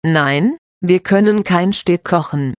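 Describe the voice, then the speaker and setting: A woman voicing a patient mother who calmly explains cooking steps to her children. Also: lowish voice, takes it slowly, no echo, studio quality. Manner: calm, instructive.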